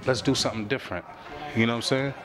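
A middle-aged rapper talks earnestly and reflectively in a casual interview on a leather couch in a lounge room, saying "you know what I'm saying" a lot. His mid-range, fairly even voice is very fast, picked up by the interviewer's handheld mic with music in the background.

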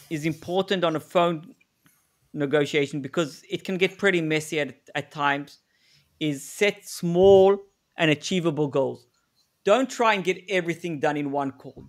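A man's voice: on the high side, measured pace. A man presenting a live webinar on negotiation, giving direct, coaching advice with frequent fillers and restarts, heard over a video call.

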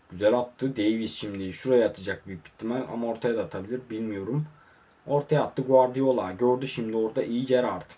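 Excitable young man commentating his own match. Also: fairly low pitch, slightly rough. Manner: talks to players on screen, swings from mutters to excited shouts. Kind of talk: excited live game commentary.

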